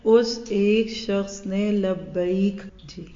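A woman's voice: mid-range voice, fairly even intonation, warm tone. A woman gives a hadith class lecture and acts out little scenes of everyday talk as she teaches. Her voice rings through a large hall with a long echo, and the sound is dull and lo-fi. She mixes English words into her lesson. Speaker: religious teacher.

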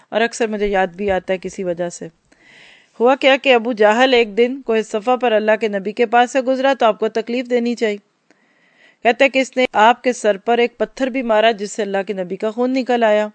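A woman's voice: fairly high pitch, dry recording. A woman teaching a religious lecture, telling stories and asking her listeners questions. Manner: storytelling, addresses listeners directly with questions.

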